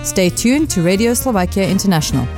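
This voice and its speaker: A woman's voice: medium pitch, expressive, fast talker, over music. A woman hosting a radio program, reading scripted introductions in an announcer's manner. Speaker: radio host. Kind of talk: radio presenting. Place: radio studio.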